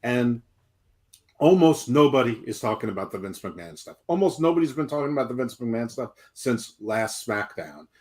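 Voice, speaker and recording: A man's voice: mid-range voice, animated, moderate pace, darkish tone. A man in his fifties, co-hosting a casual wrestling chat show, rambling and joking as he goes. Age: 50s. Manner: rambling, jokey, self-interrupting. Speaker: podcast co-host.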